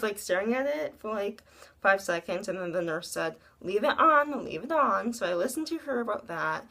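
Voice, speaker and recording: Slow-paced young woman vlogger. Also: fairly low pitch, a bit bright. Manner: rambling, conversational storytelling. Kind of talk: casual personal update to camera.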